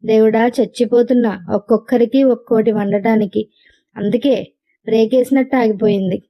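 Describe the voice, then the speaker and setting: A woman narrating a first-person story in a lively, expressive way. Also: on the high side, moderate pace, highs cut off. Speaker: audio novel narrator.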